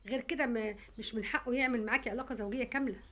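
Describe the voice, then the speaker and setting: A woman with an Egyptian accent gives fast, emphatic advice straight to her viewers. Her voice sits a little high, and she lectures in a direct, insistent way. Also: fairly even intonation. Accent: Egyptian Arabic. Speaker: content creator.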